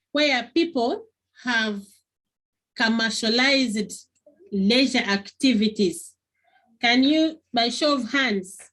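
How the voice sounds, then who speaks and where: Over a video call from her computer, a woman teacher runs an online lesson, repeating key phrases and often putting questions to her pupils. Her voice is fairly high, and the recording is rough.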